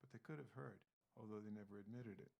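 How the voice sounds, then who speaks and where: A low, gravelly male voice with a husky edge. He co-hosts a true crime podcast and walks through the details of a case in a plain, matter-of-fact way. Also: fast, darkish tone, rough recording.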